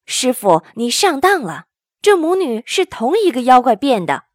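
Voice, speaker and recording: A woman voicing a brash, hot-tempered monkey hero who argues loudly and forcefully. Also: sits high, big pitch swings, normal speed, no room sound, clean studio sound, pitched above the performer's own voice. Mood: indignant. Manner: loud, forceful and indignant.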